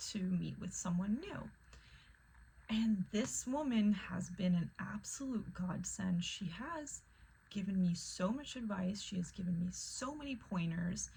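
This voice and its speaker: A woman talks in a relaxed, chatty vlog style, her voice soft and often dropping toward a whisper. Her tone sits in a middle range with a noticeable gravelly fry. A faint layer of background noise runs under the recording. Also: medium pitch, poor audio. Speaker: vlogger. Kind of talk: casual chat.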